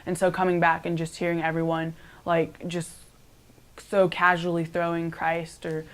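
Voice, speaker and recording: A woman's voice: on the low side, monotone, normal speed. A young woman from Cambodia, now a college student, giving casual interview answers with lots of "like" and "um". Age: young adult. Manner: chatty, many "like" and "um" fillers.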